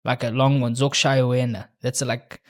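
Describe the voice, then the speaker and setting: A man's voice: mid-range voice, level tone, moderate pace. A young South African man, a podcast guest, chatting casually with frequent restarts and joking asides. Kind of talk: casual interview chat.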